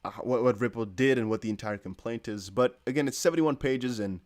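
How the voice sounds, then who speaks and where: A slightly fast speaker with a mid-range, darkish voice, this young man hosts a crypto livestream in a language other than his native Dutch. He chats and rambles casually, correcting himself and reading viewer comments aloud.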